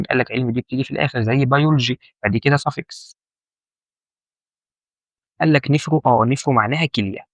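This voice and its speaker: Fast-talking Egyptian man teaching. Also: medium pitch, fairly bright tone, no room sound, muffled recording. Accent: Egyptian Arabic. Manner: colloquial, repeats key points and asks the listener questions. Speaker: medical terminology instructor. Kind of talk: informal explanatory lesson.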